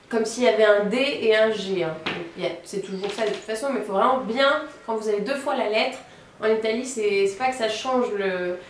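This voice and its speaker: A woman teaching a beginner Italian lesson, patiently repeating each word slowly. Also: mid-range voice, a little hiss or hum. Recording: roomy echo, voice a bit off-mic, faint ambience.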